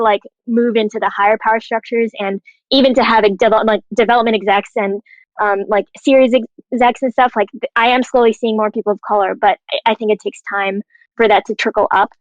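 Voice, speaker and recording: A young American woman, an animation writer and actor, chats casually as a panelist, her conversational talk full of fillers like "like" and "you know." Her voice is a little high with fairly even intonation, and she speaks fast. There's no room sound, though the audio is slightly dull.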